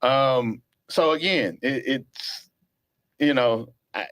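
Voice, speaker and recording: A middle-aged man hosting a podcast, telling stories casually with plenty of swearing and slow, drawn-out pauses while he thinks. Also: medium pitch, animated, a bit bright, dry recording. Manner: laid-back storytelling, profane, drawls when thinking. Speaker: podcast host.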